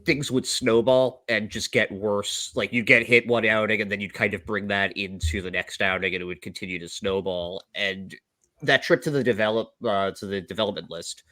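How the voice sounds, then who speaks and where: A man's voice: fairly low pitch, steady tone, moderate pace, pushed and bright. A man hosting a podcast, asking a guest loose, conversational questions. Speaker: podcast host. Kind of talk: casual interview questions.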